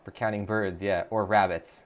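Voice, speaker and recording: Practicing a language app on a live stream, a man chats casually in a fairly low, steady voice at a moderate pace. He thinks aloud, uses lots of fillers, restarts his sentences, and reads viewer messages out loud to answer them.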